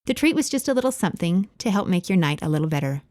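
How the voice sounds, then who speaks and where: A woman's voice: on the low side, big pitch swings, fast talker, a little mellow, no room sound, studio quality. A woman voicing a kind, cheerful neighbor and mother of a big family, speaking in a lifted, friendly tone. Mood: warm, cheerful.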